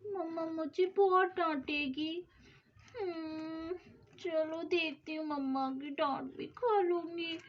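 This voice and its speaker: Lisping little girl, pleading and whiny, high thin voice, dull lo-fi sound, as a woman voices her. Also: fairly even intonation, slow pace. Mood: worried. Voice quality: childlike lisp. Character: little girl Sona, timid, pleading, easily scolded. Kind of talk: storybook doll-play acting.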